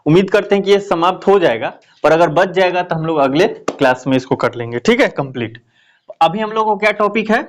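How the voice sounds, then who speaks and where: A man's voice: sits high, lively intonation, fairly quick, a little hiss or hum. A man teaching a Hindi grammar lesson, asking questions and answering them himself, with lots of repetition. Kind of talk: classroom lesson explaining grammar.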